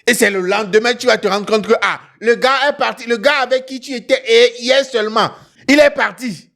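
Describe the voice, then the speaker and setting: His voice is very high and a bit bright, moving at a moderate pace. Hosting an online talk show in a West African French accent, this man narrates animated stories for viewers, stressing points through repetition and questioning tags.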